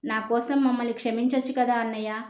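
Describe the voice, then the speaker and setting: Woman voicing a soft, pleading young sister, echoey room. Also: a little high, fairly even intonation, fast talker, natural voice. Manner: gentle, pleading.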